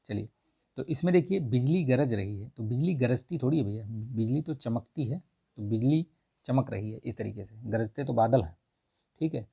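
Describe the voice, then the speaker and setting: A man explaining test answers in a relaxed, chatty lesson, often pausing to check his listeners are following. His voice is gravelly and husky, with a mellow, dark tone. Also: medium pitch. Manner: conversational, repeats "ठीक है" often. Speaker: exam prep tutor.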